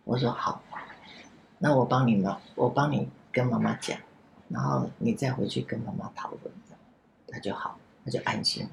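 Gravelly-voiced woman telling a story. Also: rumbling low, normal speed, a little hiss or hum. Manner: gentle, animated storytelling. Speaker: after-school center director. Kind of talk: casual podcast conversation. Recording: echoey room.

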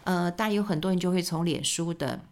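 A woman with a fairly low, gravelly voice touched by vocal fry hosts her own podcast. She talks fast in a loose, rambling monologue, full of fillers and tag particles.

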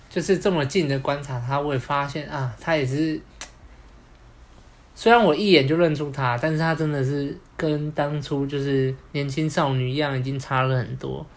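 A young man with a Taiwanese Mandarin accent, telling a personal story as a podcast co-host, rambling along with many fillers. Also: fairly high pitch. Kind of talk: casual storytelling chat.

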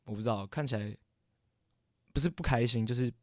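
A man's voice: mid-range voice, fairly quick, darkish tone, dry recording, clean studio sound. A young man, a podcast co-host telling a story in casual chat, rambling and often correcting himself. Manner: rambling, stammering, frequent self-corrections.

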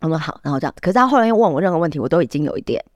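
Co-host, Taiwanese Mandarin accent, animated casual storyteller, middling pitch, dry close sound. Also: very fast, dry recording. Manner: animated storyteller, laughs often, many "then" restarts; quotes others in acted voices. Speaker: podcast co-host.

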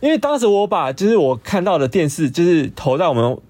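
A man's voice: a little high, sing-song, quick pace, a little mellow, no room sound. A man, co-hosting a podcast in easygoing, enthusiastic casual chat. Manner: easygoing, chatty, enthusiastic about recommendations. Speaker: podcast co-host.

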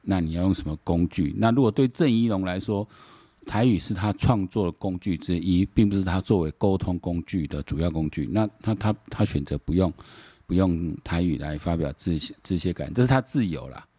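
Low, mellow-voiced Taiwanese man rambling. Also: fairly quick, husky, no echo. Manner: rambling, repeats words, switches into Taiwanese Hokkien, mocking rhetorical questions. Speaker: political commentary podcast host. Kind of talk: casual solo political commentary.

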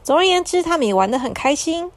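A woman's voice: very high voice, expressive, no room sound. Soothing woman telling a bedtime story. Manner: soft, soothing, slow at the end. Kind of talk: bedtime story narration for children.

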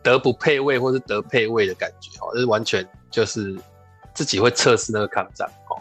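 A man, co-hosting a casual podcast chat with quick interjections. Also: medium pitch, a bit bright, soft background music. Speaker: podcast co-host.

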